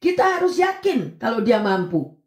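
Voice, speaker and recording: Woman pastor, sermon delivery, animated with big pitch swings; higher voice, roomy echo. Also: normal speed. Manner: lively, swings between high and low pitch, acts out children and prayers.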